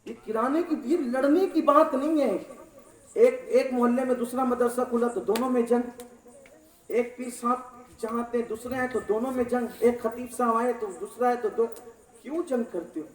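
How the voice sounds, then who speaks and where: Impassioned high-voiced male preacher, echoey hall. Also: fairly even intonation, normal speed. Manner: impassioned, rising to shouts and dropping low. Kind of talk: Urdu-Hindi religious sermon to a congregation. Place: large hall or mosque gathering. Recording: echoey distant mic in a hall.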